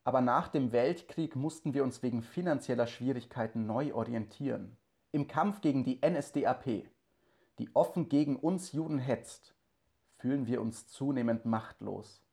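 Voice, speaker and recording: A man reading in first person as an earnest teacher and cantor from the 1920s, in a calm, measured, scripted narration. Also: medium pitch, creaky, lightly acted.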